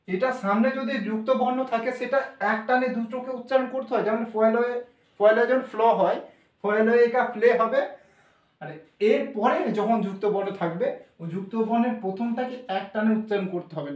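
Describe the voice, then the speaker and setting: A man teaching English pronunciation, explaining step by step and asking his students questions. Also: very high voice. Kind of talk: explanatory classroom lesson. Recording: echoey room, voice from far off.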